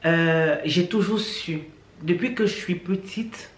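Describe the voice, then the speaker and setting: Speaking slowly in a voice on the low side, a woman from Cameroon gives an earnest personal faith testimony. She addresses the listener directly and repeats points for emphasis, and the room is echoey.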